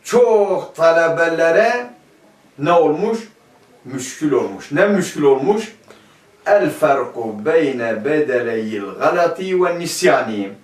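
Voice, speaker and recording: A man's voice: on the high side, lively intonation, takes it slowly. A man teaching a grammar lesson, asking his class questions and answering them himself. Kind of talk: classroom lecture. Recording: echoey room, mic at a distance.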